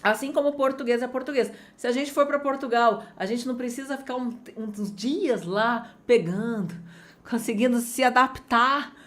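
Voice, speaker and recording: Brazilian woman teaching english online, fairly high voice, bouncy and chatty, pitch jumps all over. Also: moderate pace. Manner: energetic, chatty, talks straight to students; big swings of pitch.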